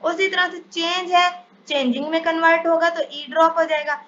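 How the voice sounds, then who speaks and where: A woman teaching English spelling rules in a step-by-step lesson, reading each English rule out slowly before explaining it. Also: very high voice, steady tone, a bit bright. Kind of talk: spelling lesson over slides. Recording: dull lo-fi sound, faint hiss.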